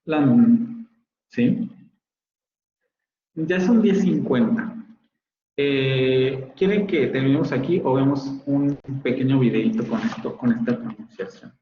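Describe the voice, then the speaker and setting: The lecturer, a man with a Mexican Spanish accent, speaks slowly in a medium-pitched voice, explaining points to a university phonetics class and repeating example words to model pronunciation. There's a little hiss or hum, and the audio is roomy and slightly dull with faint ambience.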